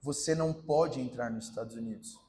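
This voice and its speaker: A man's voice: medium pitch, brisk, darkish tone, a little hiss or hum, voice pushed down, lightly acted. A man voicing a stern, clipped female immigration officer in a sermon illustration, dry and dismissive. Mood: curt stern.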